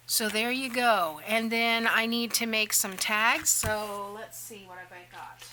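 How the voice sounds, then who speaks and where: Woman, crafting vlogger, bright tone, chatty and rambling. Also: fairly high pitch, measured pace, a little hiss or hum, poor audio. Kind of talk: casual crafting tutorial and chat.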